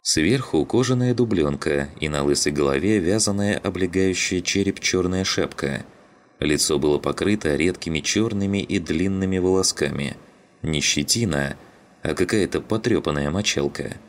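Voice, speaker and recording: A man narrating an audiobook in a steady, even storytelling manner. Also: low voice, moderate pace, slight background noise.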